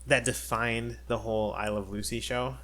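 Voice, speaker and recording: A man's voice: mid-range voice, little pitch movement, normal speed, background noise. A man co-hosting a podcast in casual chat, rambling with many fillers and restarts. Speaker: podcast co-host.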